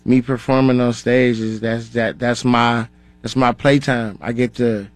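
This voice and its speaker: A male rapper in his thirties, from Minnesota but raised in Atlanta, appears as a radio guest in a casual interview. His medium-pitched voice is fairly even and unhurried, recorded with no room sound. Laid-back and full of slang, he often says "you know what I'm saying."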